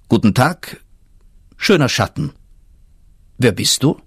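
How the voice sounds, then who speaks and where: A man narrating a fairy tale in a slow, measured storytelling manner with a husky voice. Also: mid-range voice, a little mellow, no room sound, clean studio sound.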